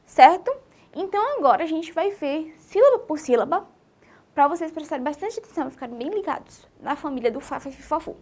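Brazilian woman, children's teacher; high-pitched, very animated, sing-song delivery aimed at young kids. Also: brisk. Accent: Brazilian Portuguese. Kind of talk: children's literacy lesson.

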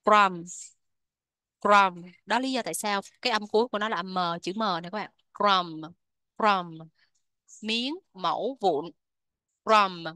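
A woman with a Vietnamese accent teaching English vocabulary, repeating each word slowly before explaining it. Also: medium pitch, a bit bright, dry recording. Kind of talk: vocabulary lesson.

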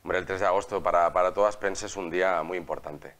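A man's voice: low-pitched, fast. A man in his forties, from Spain, telling personal stories as an interview guest in a small TV studio, with a lapel mic. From Aspe, Alicante, Spain. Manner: storytelling, lively, emphatic hand gestures. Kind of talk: conversational interview.

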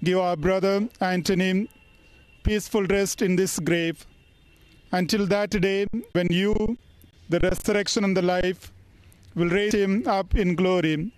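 A man with a high-pitched voice leads burial prayers as a priest. He speaks very slowly and solemnly, setting each phrase apart in a formal liturgical graveside style. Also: steady tone, smooth, dry recording, low-quality recording. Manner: solemn, measured, deliberate phrasing with pauses. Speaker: priest leading a funeral burial service. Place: funeral service in New Delhi.

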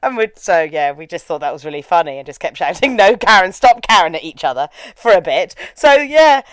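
A woman co-hosting a movie review, talking in a sarcastic, animated way and mimicking characters. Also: low-pitched, a little fast, smooth, no room sound. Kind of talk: casual chat.

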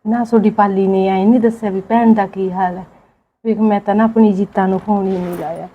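A woman acting as a meek elderly village mother in a homemade family drama, speaking softly in a pleading, resigned way. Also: mid-range voice, steady tone, a little fast, breathy edge, narrow, tinny audio, lightly acted. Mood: gentle. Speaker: neglected old mother in a family skit.

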